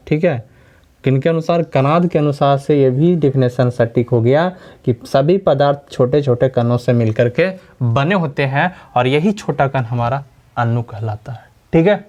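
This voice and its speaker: A man's voice: medium pitch, unhurried, dark tone, dull audio. A male teacher giving a science lesson, often asking questions and repeating the key back. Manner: repeats key words and quizzes listeners with questions. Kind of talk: classroom lecture.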